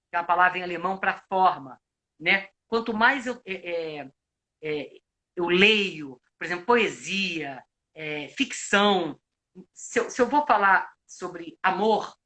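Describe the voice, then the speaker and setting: Bright-voiced Brazilian actor giving advice. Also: male voice, sits high. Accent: Brazilian Portuguese. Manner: reflective, explanatory, many filler restarts. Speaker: actor and acting coach. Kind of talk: live video chat, giving advice. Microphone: video call.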